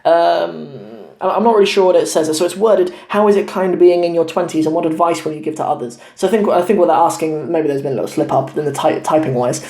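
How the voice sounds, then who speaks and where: A man's voice: on the high side, steady tone, quick pace, few pauses, darkish tone, roomy sound. A man in his twenties hosting a casual question-and-answer video, speaking hesitantly with many fillers and restarts into a lapel mic. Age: 20s. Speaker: YouTube channel host. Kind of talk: casual Q&A talk to camera. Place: his home in Cornwall.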